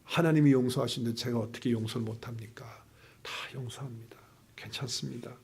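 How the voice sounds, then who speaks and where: A male preacher voicing a gentle, forgiving pastor from a story, who speaks quietly and calmly. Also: medium pitch, a little fast, creaky, a little hiss or hum, pitched below the performer's own voice, close to an everyday voice.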